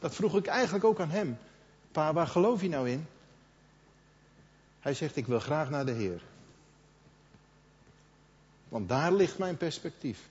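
Middle-aged preacher in a reverberant hall. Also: male voice, a little high. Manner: conversational, quotes others in lively asides. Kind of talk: sermon. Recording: dull sound with long hall reverb.

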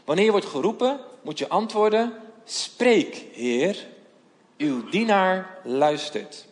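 Kind old priest read by a man, soft and calm, churchy echo. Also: high-pitched, slow pace. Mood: gentle. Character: old nearly blind priest, gentle.

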